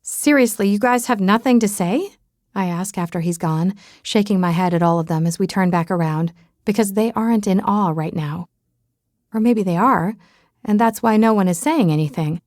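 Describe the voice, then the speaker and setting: Expressive woman narrating an audiobook. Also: lowish voice, moderate pace, no room sound, studio quality. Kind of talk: scripted first-person audiobook narration.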